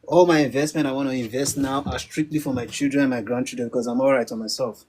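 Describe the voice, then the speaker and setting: A middle-aged man calling in to an investment show, speaking politely and haltingly with frequent uhs. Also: medium pitch, steady tone, darkish tone. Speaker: caller. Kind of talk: call-in question.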